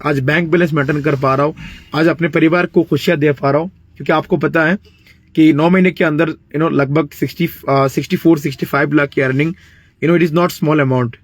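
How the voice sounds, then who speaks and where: A man from India in his late twenties gives a persuasive, motivational sales talk for network marketing. English phrases are woven into his speech, along with frequent throat-clearing and fillers like "you know."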